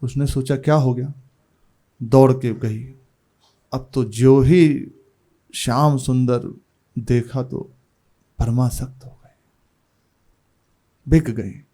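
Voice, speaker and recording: A spiritual teacher from India tells devotional stories in a calm, unhurried discourse. He speaks slowly, and his phrases often fade softly at their ends. His voice sits at an ordinary middle pitch for a man. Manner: slow, unhurried storytelling with soft trailing phrases.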